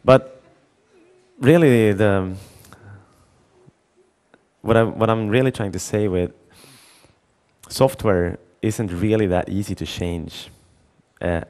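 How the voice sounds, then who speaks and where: Taking his time and leaving long pauses, a middle-aged man gives a conference talk in a somewhat low, slightly mellow voice. He acts out the dialogue of a story, restarting often and repeating words.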